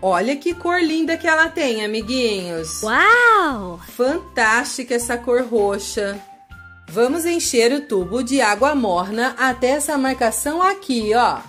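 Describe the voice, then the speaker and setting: A Brazilian woman presents toys to young children in a very high voice. She takes her time, with a sing-song, exclamatory delivery. Music plays behind her narration. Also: expressive, a little slow, a bit bright. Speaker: children's toy channel host. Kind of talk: toy unboxing narration for children. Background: background music.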